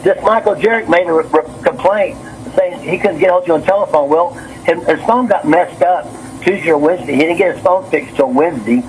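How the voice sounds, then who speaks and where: This noisy phone recording captures a city councilman and business owner with a fairly high voice speaking fairly quickly. Anxious and agitated, he stumbles over his words, repeats himself, and rambles on.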